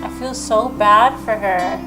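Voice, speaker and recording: A woman with a medium-pitched voice speaks unhurriedly over game music in a rough recording. As a gaming host, she reads a visual novel's narration aloud and adds opinionated, reactive commentary.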